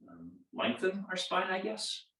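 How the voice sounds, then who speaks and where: A man in his fifties leads a yoga class in a high voice whose pitch swoops wildly, keeping a measured pace and a sharp tone. He draws out his cues, pokes fun at himself and chuckles at his own jokes. He's heard off-mic from a distance, with a roomy echo around him.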